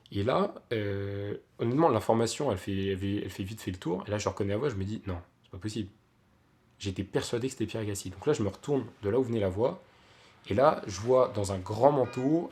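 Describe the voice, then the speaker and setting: A man's voice: lowish voice, darkish tone. A young man tells a story to his vlog audience in a loose, chatty way. He fills the gaps with plenty of hesitations and restarts. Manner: chatty, many fillers and restarts. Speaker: vlogger.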